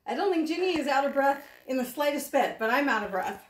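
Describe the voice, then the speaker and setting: A middle-aged woman cheering her dog on at home with a high voice. She talks in a lively, coaxing way, with praise and quick commands. It sounds like a casual home video. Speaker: dog owner. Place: apartment living room.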